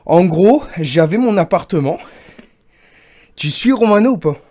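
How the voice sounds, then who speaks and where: A man's voice: sits high, animated, a little slow, warm tone. A man casually telling a long rambling story to a friend on a livestream, padding it with the same filler phrases over and over. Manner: rambling, keeps repeating "en gros" and "et tout".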